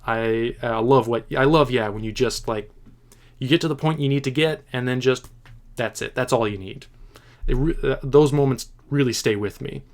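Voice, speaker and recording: A man hosting a casual film chat, answering viewer questions in a halting, thoughtful way with frequent restarts, and keen on the films he talks about. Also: mid-range voice. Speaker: host.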